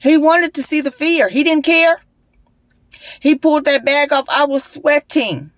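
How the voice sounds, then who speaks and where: Woman, young adult, slightly high voice, dry close sound, earnest preacher-like testimony vlog. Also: a little slow, dry recording. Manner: emphatic, repetitive, preacher-like urgency. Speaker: vlogger sharing a personal testimony. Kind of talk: emotional spoken testimony with prayer.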